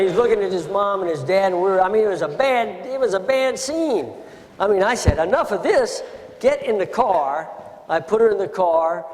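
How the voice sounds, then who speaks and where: Man, high voice, storytelling speech, emotional, asides to the audience, long hall reverb. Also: a little mellow. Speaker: speaker telling a war story to an audience. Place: auditorium.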